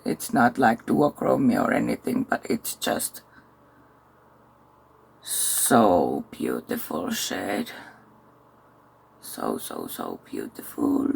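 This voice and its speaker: Tired, gravelly-voiced woman. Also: rumbling low. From Finland. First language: Finnish. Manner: chatty, thinks aloud while working, soft asides. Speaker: makeup vlogger. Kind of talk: casual makeup tutorial talk.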